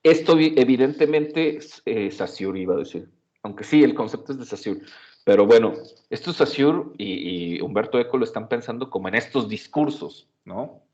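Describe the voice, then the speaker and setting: A man's voice: mid-range voice, animated, normal speed, darkish tone. Chatty male lecturer. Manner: conversational, many fillers and tag questions. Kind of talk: university lecture. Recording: dull lo-fi audio.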